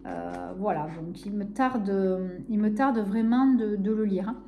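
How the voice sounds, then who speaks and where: A book vlogger from Narbonne in southern France chats casually and rambles a bit, speaking with a southern French accent and warm enthusiasm. Her mid-range voice is gravelly and unhurried, with slight background noise.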